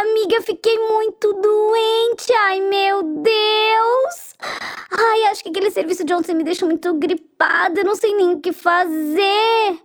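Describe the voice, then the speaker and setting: Whimpering, fake-sick cockroach. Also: female voice, fairly bright tone, heavily acted. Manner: whimpering, moaning, high and pitiful. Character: lazy whiny female cockroach faking sickness.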